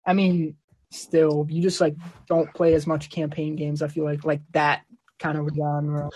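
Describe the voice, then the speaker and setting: A man's voice: a little high, completely flat delivery, unhurried, darkish tone, dry recording, poor audio. A young man chatting casually about video games, slangy and blunt in his banter.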